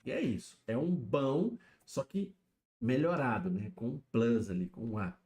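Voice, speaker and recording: Man, warm mellow tone, mid-pitched, chatty solo live-stream talk. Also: animated, measured pace. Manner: chatty, explaining, constantly checking in with "né?" and "tá?". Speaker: YouTube streamer. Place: home setup, alone.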